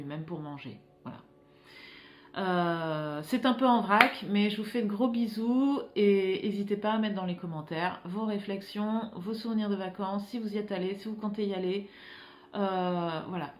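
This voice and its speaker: A woman's voice: mid-range voice, echoey room, a little hiss or hum. A French woman, an illustrator, chatting casually to her viewers in a rambling way, with frequent hesitations and restarts. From France. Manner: rambling, many filler pauses and restarts. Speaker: illustrator vlogger. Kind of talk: casual vlog chat to viewers.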